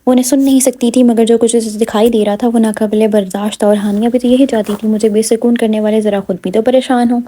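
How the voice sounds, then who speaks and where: A woman's voice: on the high side, steady tone, few pauses, dark tone. Woman reading a novel aloud. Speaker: narrator.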